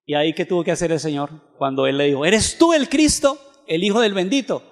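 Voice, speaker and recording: Male seminar lecturer, fairly high pitch, reads verses slowly and questions listeners; recorded with a long hall reverb. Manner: asks the audience frequent questions; reads scripture aloud, slowing on verses. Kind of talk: Bible teaching lecture.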